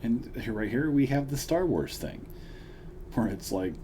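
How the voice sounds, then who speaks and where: A man's voice: mid-range voice, big pitch swings, unhurried, warm tone. A man giving a casual, joking, self-deprecating video game walkthrough as a let's player. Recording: noisy, with game ambience behind. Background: game sounds.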